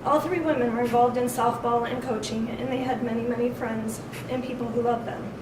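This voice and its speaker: A woman's voice: a little high, fairly even intonation, fairly quick. Woman reading a statement, courtroom recording. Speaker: victim advocate. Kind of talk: reading a victim impact statement aloud. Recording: echoey courtroom, distant mic, noise.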